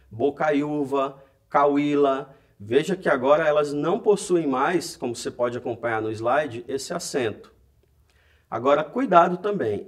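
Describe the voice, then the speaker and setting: Man from Brazil, teacher, husky voice, clear step-by-step explanation, talks straight to viewers. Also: on the high side. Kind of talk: recorded classroom lesson. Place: educational studio.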